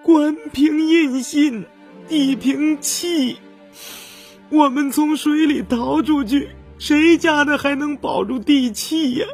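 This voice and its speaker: An aggrieved peasant boy, high tight voice, slow and bitter words. a storybook figure, all frustrated complaint. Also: a little mellow, soft background music, exaggerated voice. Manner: high, strained, indignant.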